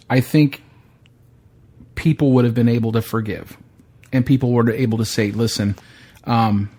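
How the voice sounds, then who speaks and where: A man's voice: mid-range voice, a little mellow. Blunt, opinionated man chatting on a podcast. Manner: blunt, opinionated, swears freely, many restarts. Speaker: podcast host. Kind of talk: casual chat.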